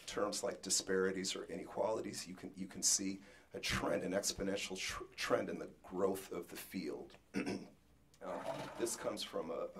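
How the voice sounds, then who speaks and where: Deep-voiced man presenting slides. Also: a little hiss or hum. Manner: halting, frequent restarts and fillers; jokes about rushing. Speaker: panelist.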